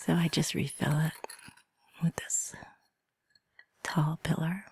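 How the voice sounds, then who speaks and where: A woman whispering softly and gently through an ASMR session as its creator. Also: low voice, level tone, gravelly, breathy edge. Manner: soft whispering, slow and gentle.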